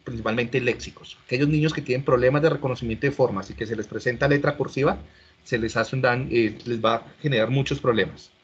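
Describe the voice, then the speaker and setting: A man's voice: mid-range voice, quick pace, husky. A man teaching an online class, explaining step by step and questioning his students. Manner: explanatory, asks students questions, frequent restarts. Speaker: lecturer. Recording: dull lo-fi audio.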